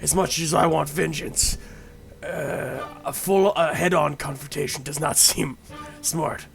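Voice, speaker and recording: A man's voice: fairly high pitch, fairly even intonation, measured pace, gravelly. A man playing a tabletop game, chatting casually in a hesitant, joking way. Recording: faint background noise.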